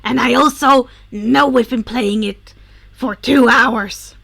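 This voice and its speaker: Brief: loud, gravelly, sharp-edged young villain who swears constantly, put on by a woman reading a podfic. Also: a little high, takes it slowly, exaggerated voice. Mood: exasperated. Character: irritable foul-mouthed young male villain gamer. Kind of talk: podfic character voice.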